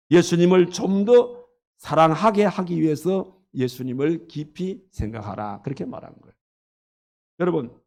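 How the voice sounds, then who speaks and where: A middle-aged male pastor preaching a sermon, telling a story dramatically and acting out the dialogue with sudden loud outbursts. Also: high-pitched.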